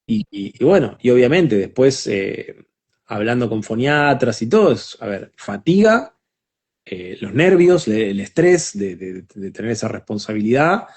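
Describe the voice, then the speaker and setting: A man's voice: medium pitch, big pitch swings, a little slow, a little mellow, slightly rough. A man being interviewed as a guest voice actor, talking in a reflective, casual way with frequent small restarts.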